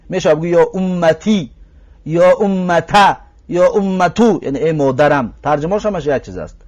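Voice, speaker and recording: A man with a Tajik Persian accent teaching a grammar lesson, drawing out each example word slowly and asking his listeners rhetorical questions. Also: a little high. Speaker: language teacher.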